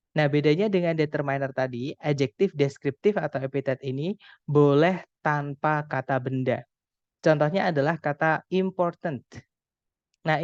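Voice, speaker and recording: Indonesian guy tutoring english online, patient, slow examples, kinda higher voice, dry muffled call sound. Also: a little mellow, no echo. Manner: patient, explains slowly, often addresses students as friends. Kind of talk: online grammar lesson. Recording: dull dry call audio.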